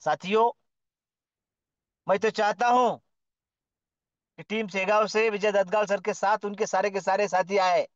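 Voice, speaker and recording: A fairly high-voiced man gives a motivational address, formal and effusive, heaping praise and asking rhetorical questions. The sound is dull and lo-fi, and it is dry, with no room echo. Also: steady tone, a little slow, pauses often. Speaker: speaker at an online business community meeting.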